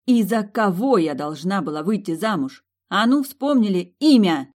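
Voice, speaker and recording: Brief: woman voicing angry young heroine, loud and commanding, pitched up. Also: normal speed, natural voice. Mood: furious. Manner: shouting, commanding like a general. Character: furious young woman, sharp and indignant.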